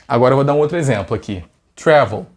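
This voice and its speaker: Chatty Brazilian English teacher. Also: male voice, medium pitch, expressive, fast talker, slight background noise. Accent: Brazilian Portuguese. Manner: chatty, asks rhetorical questions. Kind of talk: casual video lesson.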